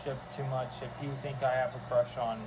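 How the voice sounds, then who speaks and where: A tired, exhausted man ranting in a halting way, full of fillers and restarts, just after leaving work. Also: medium pitch, little pitch movement, background noise. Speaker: ranter answering critic. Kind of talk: casual rant.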